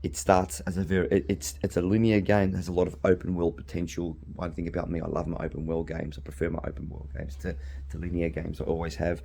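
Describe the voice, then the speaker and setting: Slightly hoarse after losing his voice, a middle-aged Australian man rambles his way through a casual solo podcast, often restarting and saying um. He talks fast, his low voice mellow and flat.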